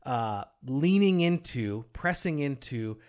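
Man, co-host of a faith chat, halting, filler-heavy, easygoing. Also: mid-range voice, lively intonation, darkish tone. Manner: halting, lots of fillers, laughs easily. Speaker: podcast co-host. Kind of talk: casual faith discussion.

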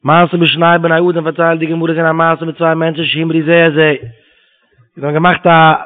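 A man's voice: a little high, completely flat delivery, very fast. A man giving a Talmud lesson, reading Hebrew quotes and explaining them in Yiddish. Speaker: Talmud teacher. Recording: tinny phone-line sound.

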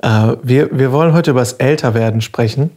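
A man in his mid-thirties hosting a podcast in a casual, conversational way, with a husky voice and a playful, self-deprecating manner. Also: mid-range voice, a little fast, a little mellow. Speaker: podcast host.

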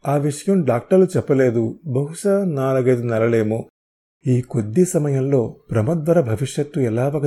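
A man narrating a novel in the first person with a measured, expressive reading. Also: medium pitch, slightly rough. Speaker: audiobook narrator.

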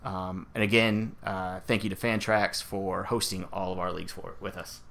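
A man co-hosting a fantasy football podcast in casual chat, upbeat and quick to laugh, with many "uh"s and "um"s. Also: sits low, little pitch movement, vocal fry, fairly bright tone. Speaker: podcast co-host.

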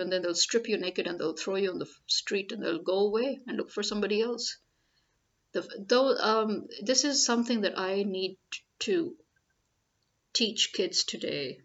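Woman ranting fast, blunt and scolding, bit of a muffled lo-fi recording. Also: mid-range voice. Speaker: speaker giving family advice. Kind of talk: opinionated monologue, switching between languages.

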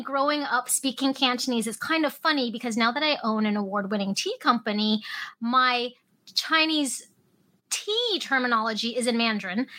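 Bright, high-voiced enthusiastic woman host. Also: rough recording. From Hong Kong, raised in Alaska. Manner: enthusiastic, storytelling, lively emphasis. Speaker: podcast host. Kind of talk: casual solo podcast talk.

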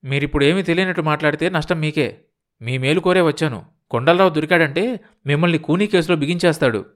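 A man voicing an anxious, scheming male go-between who talks in a hurried, pressing way. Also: fairly high pitch, pitched above the performer's own voice, lightly acted. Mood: urgent.

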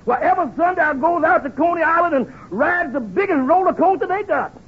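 An actor playing a bombastic, excitable scheming man in a 1950s radio comedy, declaiming and repeating himself. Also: very high voice, brisk. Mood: comically dramatic. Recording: muffled, noisy old radio recording.

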